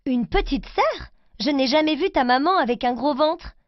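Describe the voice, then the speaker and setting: A woman's voice: sits high, expressive, moderate pace, no room sound, highs cut off. A woman voicing a skeptical little schoolgirl friend in a children's storybook reading, with questioning lines. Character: doubtful schoolgirl friend Sophia.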